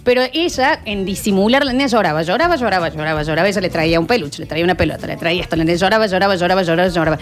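A woman's voice: fairly low pitch, rapid-fire, hardly any pauses. Chatty Argentine woman co-hosting a comedy show. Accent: Rioplatense Spanish. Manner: chatty storyteller, laughs easily. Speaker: co-host. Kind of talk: comedic chat show banter.

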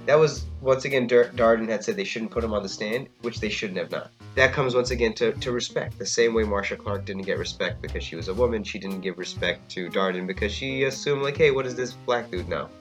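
A man with a low voice talks in loose, rambling podcast chat, circling back on his points and often checking in with "you know what I mean". Faint guitar music plays softly behind him. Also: fairly quick, hardly any pauses. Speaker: podcast co-host. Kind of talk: casual chat reviewing a TV drama.

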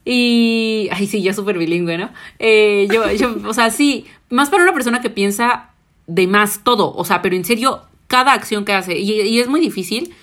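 A woman's voice: medium pitch, normal speed, fairly bright tone. A young woman, co-hosting a casual chat, thoughtful and often searching for her words. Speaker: podcast co-host.

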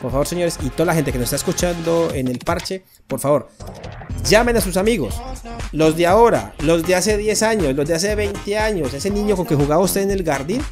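A man's voice: on the high side, fairly quick, over music. Jokey Colombian man hosting a podcast. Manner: jokey, playful, acts out quoted friends. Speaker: podcast host. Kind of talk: comedic podcast monologue.

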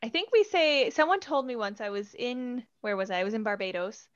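A woman's voice: a little high, expressive, fairly quick. Chatty Canadian woman, slightly lo-fi. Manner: laughs often, chatty. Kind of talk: casual chat. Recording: slightly dull lo-fi sound.

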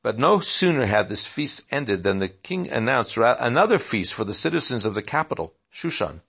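A man reading a story aloud at a steady pace, with small slips and restarts. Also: mid-range voice, moderate pace, creaky, slightly rough.

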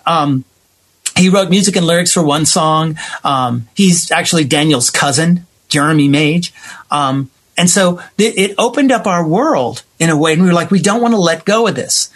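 Interviewed as a theater writer and director, this man speaks in a fairly high, bright voice at a moderate pace. He talks conversationally and expressively, acting out imagined quotes as he tells his stories.

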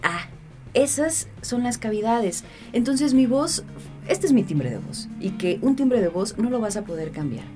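A woman's voice: on the high side, very animated, a little slow, darkish tone, faint music behind. A woman, a voice actress and teacher, explaining voice work in a confident, playful interview.

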